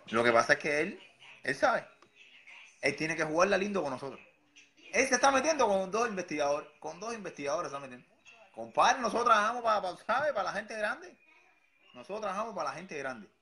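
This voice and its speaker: A Cuban man with a Cuban accent talks in a sarcastic, repetitive, taunting way. His voice sits a bit high and rings bright and forceful. His pitch swings widely as he needles his target. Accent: Cuban Spanish. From Cuba. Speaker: satirical vlogger. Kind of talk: mocking impression monologue.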